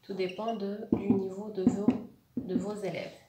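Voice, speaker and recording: A woman teacher explaining reading exercises to other teachers, sounding out words slowly syllable by syllable. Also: medium pitch, flat delivery, recorded from a distance. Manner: slow, syllable-by-syllable demonstration. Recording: echoey room with faint noise.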